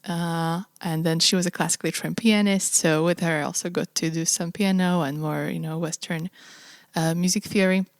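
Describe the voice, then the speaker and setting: A Slovak woman, a non-native English speaker, is a guest composer in a casual interview, speaking thoughtfully and hesitantly with many pauses. Her voice is lowish with fairly even intonation, recorded as clean studio sound with no echo.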